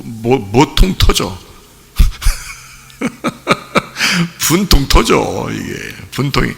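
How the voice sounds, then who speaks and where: A man preaching at a dawn service in a gravelly, sharp-edged voice. He presses his points with repeated words and keeps firing questions at the congregation. The sound carries a long reverb that rings through the church sanctuary. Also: medium pitch. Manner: emphatic, repeats key words. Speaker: pastor. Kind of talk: early-morning sermon.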